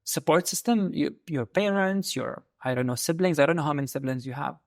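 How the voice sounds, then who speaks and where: A woman hosting an interview, asking short, soft prompting questions. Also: low-pitched, brisk, no echo, clean studio sound. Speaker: host.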